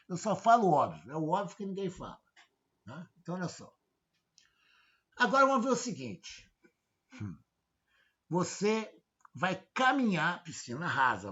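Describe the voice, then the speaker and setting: A man's voice: fairly high pitch, a bit bright. A male professor, giving an informal lecture, constantly checking in with rhetorical questions. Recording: dull lo-fi audio.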